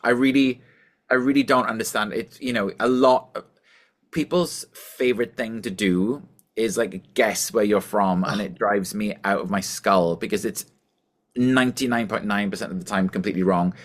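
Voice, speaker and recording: A man from Wales with a softened Welsh accent, chatting casually as a musician guest in an interview, self-deprecating and full of fillers. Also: lowish voice, fairly even intonation, normal speed.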